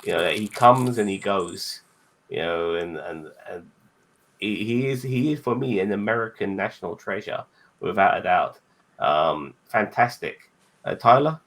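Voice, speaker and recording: A man hosting a casual reaction chat, enthusiastic and quick to laugh, often restarting his words. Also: low-pitched, fairly bright tone. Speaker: host.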